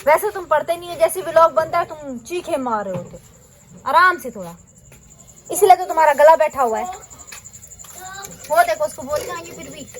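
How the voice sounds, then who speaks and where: A woman's voice: high-pitched, animated, moderate pace, long pauses, a little hiss or hum. A woman, the host's child, teasing and scolding her parents playfully in the kitchen. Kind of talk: casual family banter.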